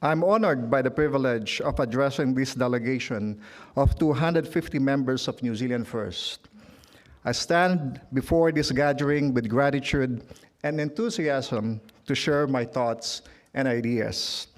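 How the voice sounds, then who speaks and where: At a large convention hall, a middle-aged Filipino man with a Filipino accent delivers a formal speech as a union leader. His medium-pitched delivery is measured, rising for quotes and punchlines.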